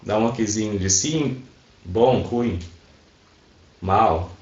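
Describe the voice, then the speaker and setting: A man's voice: on the low side, extremely slow, a little mellow. A man teaching an online class, explaining patiently and often checking that his students are following. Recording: roomy, dull sound. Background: airplanes passing overhead.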